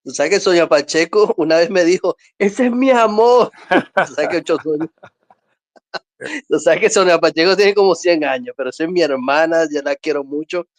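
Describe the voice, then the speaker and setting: A man calling in, talking in a warm, rambling way and laughing often. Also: fairly high pitch, normal speed, no room sound. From Venezuela. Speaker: caller. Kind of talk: casual chat.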